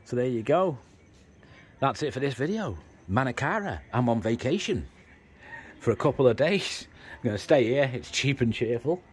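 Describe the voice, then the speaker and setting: A man's voice: medium pitch, lively intonation, moderate pace, breathy edge. A man, talking casually as he films a tour of a small rented house, rambling and explaining as he goes. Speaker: travel vlogger giving a house tour. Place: outdoors on a house terrace and indoors in small rooms. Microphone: handheld phone camera.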